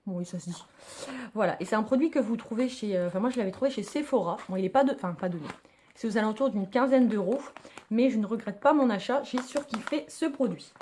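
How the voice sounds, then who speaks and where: Talking fast in a warm, slightly high voice, a beauty vlogger gushes over her favorite makeup in a casual review. She's chatty and slangy, addressing her viewers as girls, and there's slight background noise.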